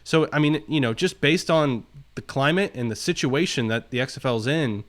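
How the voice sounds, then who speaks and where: A man's voice: mid-range voice, moderate pace, a bit bright. Man rambling on a sports podcast. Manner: long rambling reflective turns. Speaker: podcast co-host. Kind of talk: casual sports chat.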